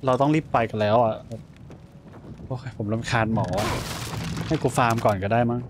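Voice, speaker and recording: A man's voice: medium pitch, moderate pace, noisy background. Cursing, jumpy man playing a game. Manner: blunt, swears freely, jumpy exclamations. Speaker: gaming streamer. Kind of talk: casual let's-play commentary.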